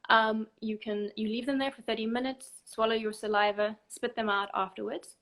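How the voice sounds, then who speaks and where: Woman, fairly high voice, calm methodical explainer, live online chat guest. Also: moderate pace. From South Africa. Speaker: abortion help desk counsellor, guest expert.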